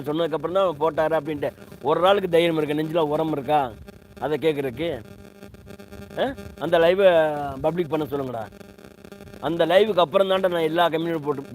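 A man rants on a livestream from home, indignant, repeating himself and demanding answers from his viewers. His voice sits a bit high, and a faint hum runs under the recording. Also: darkish tone, poor audio. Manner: indignant, repetitive, rhetorical questions. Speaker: live streamer. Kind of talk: heated livestream rant.

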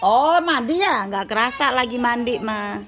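A woman's voice: fairly high pitch, lively intonation, a little slow, fairly bright tone. A woman, a caretaker chatting casually, calling out names and teasing. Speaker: caretaker at a care home. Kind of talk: casual chat. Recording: faint background noise.

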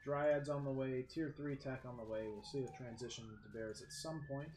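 Male game caster, lively play-by-play, mid-range voice, echoey room with faint hiss. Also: moderate pace. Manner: lively play-by-play, excitable with sudden pitch jumps. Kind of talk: esports commentary.

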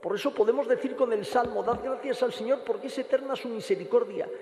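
Cathedral echo, male priest, Castilian accent, high pitch, gravelly creak, direct homily and prayer delivery, lectern microphone. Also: quick pace, dark tone. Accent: Castilian Spanish. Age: middle-aged. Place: large stone church, indoors. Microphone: gooseneck lectern microphone. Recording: echoey cathedral with long reverb.

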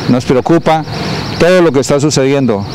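A man's voice: mid-range voice, fairly quick. A middle-aged man, a community leader speaking earnestly and indignantly into a reporter's handheld microphone outdoors, repeating phrases for emphasis. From Colombia. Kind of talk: street interview. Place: outdoors by a building in town. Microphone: handheld reporter mic. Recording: outdoor street noise.

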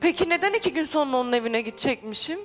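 A woman's voice: high-pitched, lively intonation, very fast. A young woman on a talk show, upset and exasperated, accusing her ex-husband of lying. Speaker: studio guest. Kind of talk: heated talk show confrontation.

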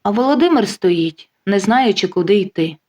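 A woman narrating a life story in a steady, even reading voice. Her pitch sits right in the middle, neither high nor low. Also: moderate pace, dull audio.

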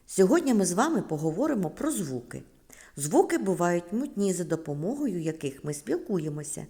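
A woman kindergarten teacher with a Ukrainian accent, giving a lesson to preschool children in a slow, clear, sing-song voice that stretches out sounds. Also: fairly low pitch.

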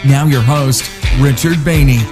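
A man's voice: medium pitch, measured pace. A man giving a scripted show introduction as the announcer. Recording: voice-over over guitar music.

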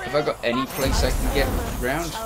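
A man's voice: mid-range voice, steady tone, fairly quick. A man giving casual gameplay commentary, thinking aloud with mild exclamations. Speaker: gamer playing and commentating. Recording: loud game music behind voice.

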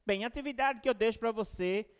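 A man's voice: high-pitched, fast talker, clean tone. A man in his forties teaching a class in a classroom, speaking with a northeastern Brazilian accent into a headset mic. He explains step by step and often repeats a phrase as a teaching pattern. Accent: Brazilian Portuguese, northeastern. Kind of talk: recorded classroom lesson. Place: classroom with whiteboard.

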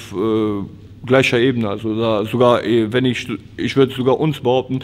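A man in his twenties, an MMA fighter, talking casually in an interview, with lots of fillers and restarts. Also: medium pitch. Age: 20s. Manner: relaxed, frequent fillers and restarts. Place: training gym, indoors.

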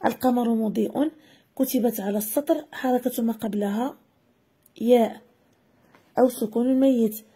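A woman teaching a grammar lesson, spelling out example words slowly and deliberately. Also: on the high side, warm tone, breathy edge. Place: video lesson voice-over.

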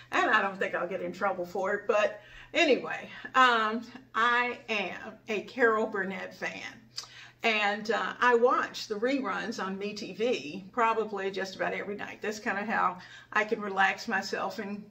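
Recorded indoors at home in her kitchen and dining room, an older cooking channel host chats casually, sharing homespun advice and thankful asides. Her voice is medium in pitch, creaky and bright, with a forceful tone.

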